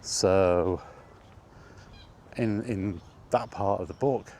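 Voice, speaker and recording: A man vlogs on a walk outdoors, speaking extremely slowly in a low-pitched, darkish voice with a little hiss or hum behind it. His casual monologue rambles and self-corrects, turning exasperated as he argues his point.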